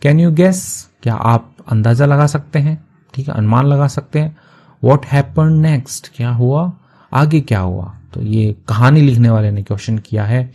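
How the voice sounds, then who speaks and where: A man teaching English through a story, reading each English phrase slowly and then explaining it quickly in Hindi. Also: medium pitch, dark tone. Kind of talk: line-by-line story translation lesson.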